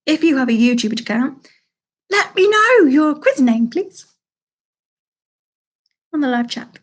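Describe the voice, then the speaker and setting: A woman hosting a live pub quiz from home, chatty, reading each question slowly and repeating it. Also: sits high, very animated. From Salford, England. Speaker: quiz host.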